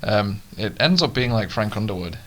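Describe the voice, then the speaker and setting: A man's voice: fairly low pitch, lively intonation, normal speed, fairly bright tone. A man joking in casual podcast chat. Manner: joking, loose. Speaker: podcast co-host.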